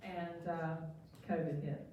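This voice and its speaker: Middle-aged woman, Appalachian accent, lowish pitch, informal self-introduction at a meeting, heard in a very reverberant room. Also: level tone, takes it slowly, warm tone, dull audio. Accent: Appalachian (West Virginia). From West Virginia. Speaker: nursing home administrator introducing herself. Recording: very echoey hall, distant mic, faint noise.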